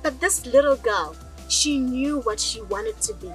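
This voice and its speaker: In this clip she sits high with big swings in pitch, talking a little slowly over faint music, and the audio is poor. The young woman, from rural South Africa and a first-language Northern Sotho (Lobedu) speaker, addresses her vlog audience directly as a chatty storyteller who peppers them with rhetorical questions.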